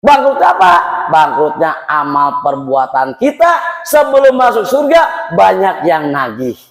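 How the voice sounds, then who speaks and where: A middle-aged man from Indonesia preaching a dawn lecture in a mosque, telling stories with lively acted-out voices. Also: a little slow. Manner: animated storytelling, acting out voices with big pitch swings. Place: mosque hall. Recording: echoey mosque hall.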